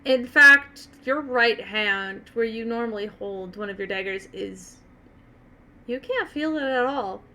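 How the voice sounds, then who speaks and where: A woman running a tabletop game, narrating off the cuff in a casual, sweary way with dramatic pauses. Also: fairly high pitch, pushed and bright. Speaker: game master.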